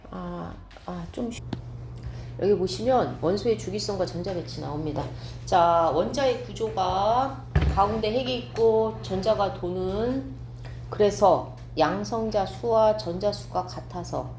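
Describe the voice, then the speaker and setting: Woman teacher lecturing, steady mid pitch, checks understanding often, roomy classroom, faint hum. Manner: explains step by step, asks students quick check questions. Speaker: science teacher.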